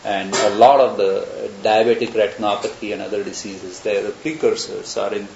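A man's voice: fairly low pitch, level tone, normal speed, gravelly, a little mellow. A man giving a university lecture, talking through ideas in a discursive, thinking-aloud way with many examples. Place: lecture room. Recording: roomy, dull lecture recording with hiss.

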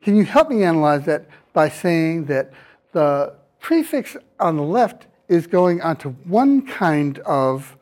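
A man's voice: a little high, very animated, slow pace, a little mellow. A man giving a university lecture, questioning his students and dropping dry wordplay jokes. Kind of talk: classroom lecture.

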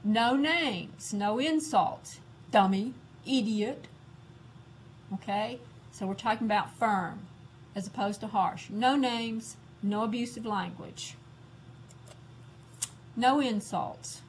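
A woman giving a lecture on classroom discipline, slow and deliberate, repeating her key points. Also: on the high side, slight background noise, poor audio.

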